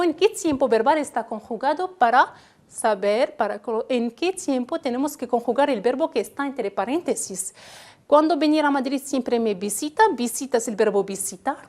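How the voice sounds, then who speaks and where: A woman from Morocco teaching a televised Spanish grammar lesson, reciting verb conjugations slowly and deliberately with small fillers. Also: high voice, darkish tone.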